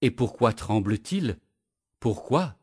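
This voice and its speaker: A man reading a children's story aloud in a slow, deliberate, sing-song manner. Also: mid-range voice, lively intonation, husky, dry recording, studio quality.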